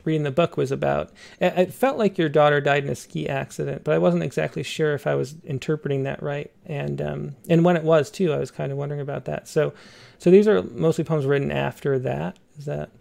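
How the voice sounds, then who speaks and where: A man with a creaky voice casually hosting and interviewing a guest on a poetry show. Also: on the high side, steady tone, brisk, hardly any pauses, a little mellow. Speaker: host of a poetry reading show.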